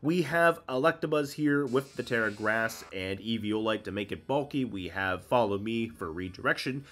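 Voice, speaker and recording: A Pokemon VGC content creator with a cold talks through a competitive game team, his congested voice lowish, slightly bright, and expressive at a normal speed. He's chatty and thinks aloud as he explains strategy, dropping frequent ums.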